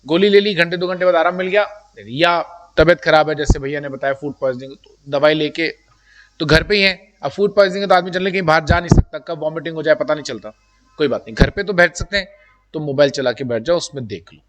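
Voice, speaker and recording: In a live classroom lecture, a male teacher speaks straight to his students in a chatty way, sprinkling English terms through his talk. His voice runs somewhat high and a touch fast, and a long room reverb hangs on the recording.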